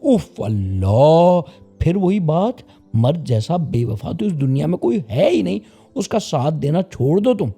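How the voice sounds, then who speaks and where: A man's voice: fairly high pitch, very animated, creaky, mellow, breathy edge, faint music behind, pitched above the performer's own voice, heavily acted. A man voicing a bossy, quarrelsome female myna bird who argues with her mate. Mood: indignant. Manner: bossy, quick, teasing.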